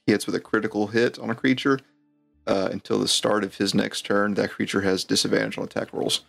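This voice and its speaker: A man's voice: lowish voice, level tone, a little fast, vocal fry, fairly bright tone, faint music behind. A man acting as game master, chatting casually and joking about his own slips. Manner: joking, stumbling self-deprecation. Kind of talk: casual tabletop game chat.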